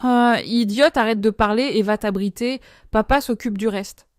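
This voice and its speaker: A woman voicing a furious, commanding middle-aged father with a deep voice, giving firm, clipped orders in a storybook narration. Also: slow, warm tone, clear, resonant tone, dry recording, clean studio sound. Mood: gruffly tender.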